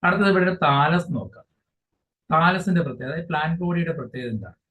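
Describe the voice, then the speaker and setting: A man teaching an exam-focused biology lesson, explaining each English term again in his own words and often pausing mid-phrase. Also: fairly high pitch, lively intonation. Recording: dull lo-fi sound with faint hiss.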